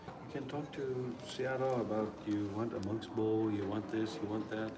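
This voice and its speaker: Live-streaming by phone from a meditation center, a man from Maryland talks casually and earnestly, drifting from one thought to the next. His voice sits on the low side, with a level tone and a moderate pace, and the stream is clearly noisy.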